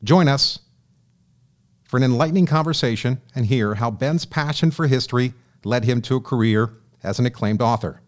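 A man hosts an interview show at a middle pitch. He reads a guest introduction, then asks his questions haltingly, often stumbling over and repeating words. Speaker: podcast host.

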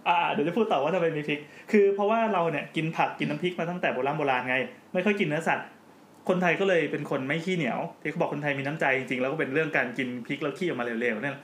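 A man's voice: on the high side, rapid-fire, a bit bright. A man hosting a podcast in casual chat, joking as he explains at length. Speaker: podcast host. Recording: roomy with faint background noise.

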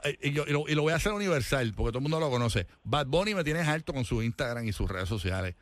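A man's voice: mid-range voice, expressive, quick pace, dry recording. A man with a Puerto Rican accent hosting casual morning radio banter, playful and slangy, often repeating his phrases. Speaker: radio show host.

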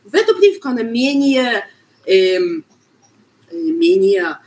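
Halting woman explaining. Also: a little high, big pitch swings, a little mellow, poor audio. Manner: halting, searches for words, mixes in foreign terms. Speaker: medical expert guest being interviewed. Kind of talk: explanatory interview talk.

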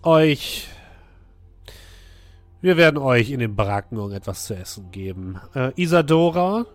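A man voicing a smiling, menacingly gracious female ruler with slow, formally courteous speech in a tabletop game. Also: medium pitch, lively intonation, no echo, natural voice. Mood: condescending, commanding.

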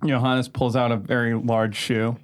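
A man playing a tabletop game, goofy and excitable. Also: medium pitch, normal speed. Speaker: player. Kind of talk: casual tabletop play.

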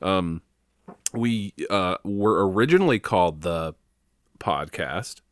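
A man co-hosting a casual sports fan podcast, talking in a relaxed, halting way with plenty of fillers. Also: deep voice, no room sound, clean studio sound. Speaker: podcast co-host.

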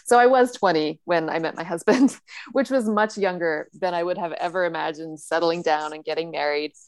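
A woman in her forties from Northern California, a guest chatting casually in an interview, self-deprecating and quick to laugh. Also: fairly low pitch, no echo. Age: 40s. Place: home with the lights off.

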